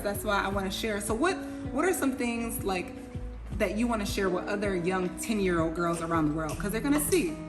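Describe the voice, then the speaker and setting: A woman chatting casually as an interviewer in a restaurant. She is animated, laughs often and turns to talk to her viewers. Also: medium pitch. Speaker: interviewer, vlogger. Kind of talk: casual chat. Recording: clear background music.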